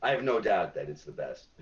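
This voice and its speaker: A man, a game localization director, answering podcast interview questions haltingly, with many ums and restarts. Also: deep voice, very animated, lo-fi sound.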